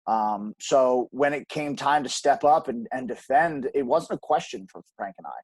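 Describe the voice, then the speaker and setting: A man's voice: mid-range voice, animated, normal speed, darkish tone, slightly rough, dry recording. A man speaking earnestly as a podcast guest, emphatic, with frequent restarts and ums. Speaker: podcast guest, gym co-owner. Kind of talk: conversational interview.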